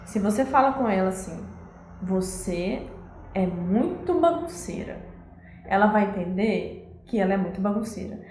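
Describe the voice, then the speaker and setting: A woman's voice: medium pitch, expressive, measured pace, darkish tone, slight background noise. Brazilian Portuguese woman explaining in an echoey room. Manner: explanatory, acts out parents' scolding lines. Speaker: parenting educator. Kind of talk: live-stream talk.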